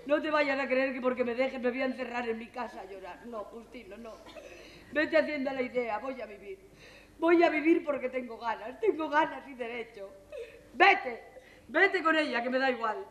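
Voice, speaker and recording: On a theater stage before a live audience, the lead actress of a stage revue plays a luckless jilted woman who is both comic and heartbroken. Her high, somewhat bright voice sounds roomy, and her quick comic asides give way to tearful pleading. It is a 1980s television recording of this stage comedy, with audience laughter.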